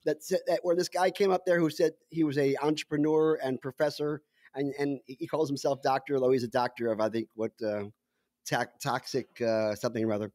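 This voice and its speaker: A man's voice: medium pitch, little pitch movement, brisk, a little mellow, no room sound, studio quality. A man co-hosting a podcast as a scientist, wry and explanatory in casual chat over a video call. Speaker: scientist co-host.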